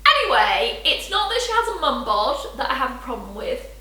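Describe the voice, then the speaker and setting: High, bright woman ranting bluntly. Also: sing-song, moderate pace, echoey room. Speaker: podcast co-host. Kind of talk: crude comedic podcast banter.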